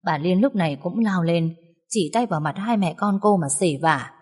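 A woman telling a scripted family drama in a steady storytelling voice. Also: fairly low pitch, moderate pace, husky. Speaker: narrator. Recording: long reverb.

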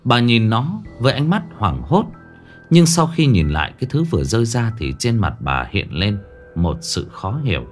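Brief: male horror-story narrator, low and dramatic, wide lively pitch, faint music bed. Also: moderate pace.

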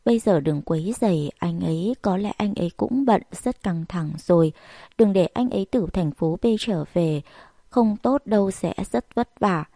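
A woman voicing a soft-spoken, restrained young woman in a storybook reading, speaking calmly. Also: on the low side, moderate pace, dry recording, studio quality. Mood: gentle. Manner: soft, calm.

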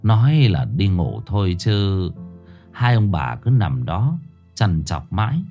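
A man narrating a ghost story in a dramatic, expressive way. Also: low-pitched, takes it slowly. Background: soft background music.

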